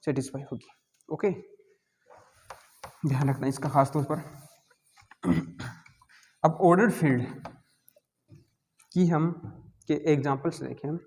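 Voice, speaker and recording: A man's voice: fairly high pitch, unhurried, long pauses, darkish tone. Man lecturing with rhetorical questions. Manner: asks and answers his own questions. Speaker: math teacher. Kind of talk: classroom lecture. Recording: long hall reverb.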